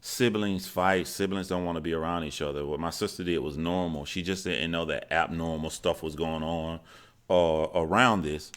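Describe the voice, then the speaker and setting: A man in his forties from Georgia, USA, speaks in a very low, smooth voice. He shares a personal story candidly, starting haltingly but keeping a steady, earnest tone.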